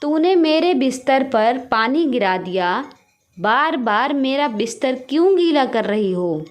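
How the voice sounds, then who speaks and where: A woman's voice: high voice, very animated, measured pace. Impatient grown son, read by a woman. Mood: irritated. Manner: complaining, irritable.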